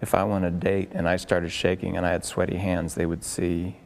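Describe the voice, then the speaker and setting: A man working as a therapist in a live demonstration before a group, coaching a client with quick probing questions and repeated words. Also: low voice, flat delivery, vocal fry, a little mellow. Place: room with an onlooking group.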